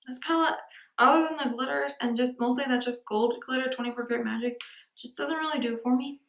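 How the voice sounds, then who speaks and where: A high-voiced woman with a gravelly edge chats her way through a beauty unboxing. She slips into a soft near-whisper now and then. Her voice echoes around the room because she has no proper mic. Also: steady tone, fast talker. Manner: chatty, often drops to a soft near-whisper. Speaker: beauty vlogger. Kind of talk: casual unboxing chat.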